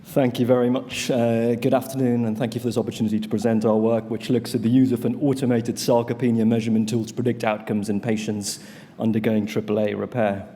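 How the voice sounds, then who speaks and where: A man's voice: medium pitch, mellow. Man presenting in a reverberant hall. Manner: measured, explanatory delivery. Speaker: conference presenter. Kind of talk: scripted academic presentation. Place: conference hall. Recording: long reverb of a conference hall.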